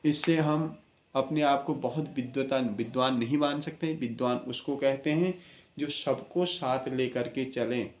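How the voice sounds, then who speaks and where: A man speaking as an astrologer, delivering an earnest, preaching address at an ordinary middle pitch. He presses his points with rhetorical questions. The room around him is echoey. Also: a little slow. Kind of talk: impassioned spoken address.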